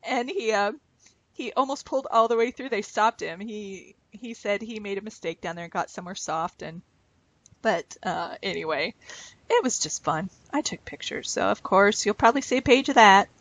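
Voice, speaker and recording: A woman talks through her scrapbook page at home, rambling off topic and laughing easily. Her voice sits at an ordinary middle pitch. The sound is dry and close, with little room around it. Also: moderate pace, a bit bright, no echo. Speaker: craft vlogger. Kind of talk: casual chat while scrapbooking.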